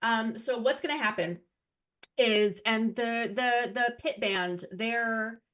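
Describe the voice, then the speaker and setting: A woman's voice: a little high, slow pace, a bit bright. A woman playing a tabletop roleplaying game, casually improvising her moves in a theatrical, playfully self-satisfied way.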